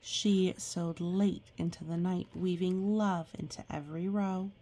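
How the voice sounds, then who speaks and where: A woman reads a picture book aloud, adding chatty asides, reacting expressively, and gently explaining things as if to young children. Her voice is fairly low and steady, and she goes a little slowly.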